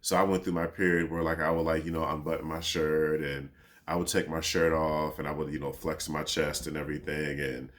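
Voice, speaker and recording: A podcast host in his thirties, with a very low, deep voice, delivers a personal, reflective monologue. He talks a little fast in a flat, laid-back way, rambling and dropping easy fillers as he thinks aloud.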